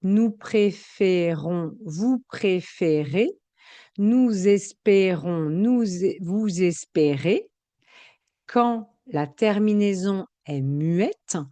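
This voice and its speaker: A woman teaching a grammar lesson, explaining spelling and sounds slowly and carefully, repeating each example. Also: mid-range voice, dark tone, dry recording. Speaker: French teacher.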